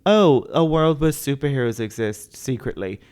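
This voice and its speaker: A man's voice: medium pitch, expressive, normal speed, darkish tone, clean tone. A man in his twenties co-hosting a podcast in casual banter, blunt, sarcastic and dismissive. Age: 20s. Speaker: podcast co-host.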